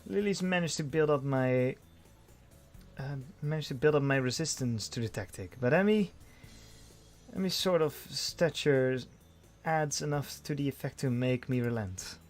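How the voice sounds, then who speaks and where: A man's voice: medium pitch, moderate pace, faint music behind. A man reading a visual novel aloud in first person, with dry delivery and frequent restarts. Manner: dry narration with restarts and sighs.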